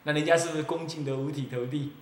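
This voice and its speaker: A man from Taiwan with a Taiwanese accent, an abbot giving a Buddhist sermon in a lively, mocking way and often laughing. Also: a little high, fast talker. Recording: echoey roomy recording.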